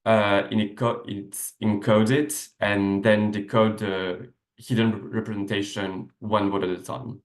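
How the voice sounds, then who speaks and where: Speaking from his desk on a video call, a French-speaking researcher delivers an academic seminar over slides in a slightly low, level voice at a somewhat slow pace. He explains step by step, often saying "uh" and correcting himself. His laptop mic captures a noticeably echoey room.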